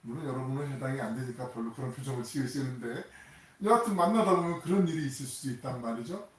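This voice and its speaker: A male pastor preaching a sermon in a conversational, animated way, often putting questions to the congregation. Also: medium pitch, quick pace. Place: church sanctuary. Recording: echoey church sound from a distant mic.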